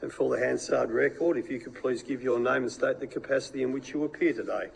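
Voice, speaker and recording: Very gravelly Australian man chairing a hearing. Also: mid-range voice, fairly even intonation, fast talker, a little hiss or hum. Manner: blokey, informal, stumbling over formal wording. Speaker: senator chairing a committee hearing. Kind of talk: informal committee chairing.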